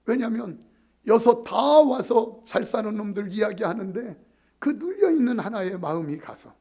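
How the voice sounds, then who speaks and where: A middle-aged man preaches a sermon in a high, lively voice that swings widely in pitch. His tone is gravelly and husky. He jokes with the congregation and sometimes drops to a whisper. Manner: animated, joking with the congregation, then dropping to whispers. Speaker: pastor.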